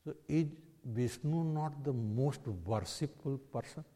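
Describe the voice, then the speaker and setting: Male spiritual teacher, North Indian accent, slightly higher-pitched voice, questioning didactic delivery, long hall echo. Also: slow pace, warm tone. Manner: didactic, poses rhetorical questions to listeners. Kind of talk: religious discourse in English with Hindi and Sanskrit phrases.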